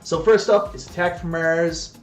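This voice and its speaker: Soft music plays behind a Canadian man in his forties as he hosts a relaxed live stream, welcoming viewers by name and poking fun at his own abilities. He has a light accent and a somewhat high voice, with fairly even intonation at a normal speed.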